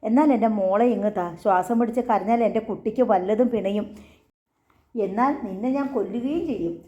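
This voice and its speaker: A woman's voice: medium pitch, fairly quick, mellow, close to an everyday voice. A woman voicing a stern young husband and father who speaks curtly and lectures. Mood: scolding. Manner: curt, lecturing. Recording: echoey, slightly dull recording.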